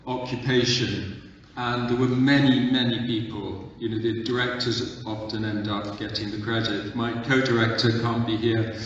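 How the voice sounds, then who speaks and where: A filmmaker who grew up in Uganda, answering panel questions in an earnest, measured way and repeating words for emphasis. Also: male voice, mid-range voice, slight background noise. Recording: distant mic, echoey hall, dull sound.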